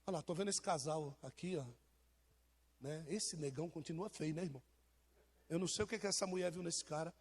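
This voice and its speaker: Man, Brazilian accent, high voice, informal church sermon, teasing and joking. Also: creaky, husky. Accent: Brazilian Portuguese. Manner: teasing, joking with congregation members. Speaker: apostle preaching to his congregation.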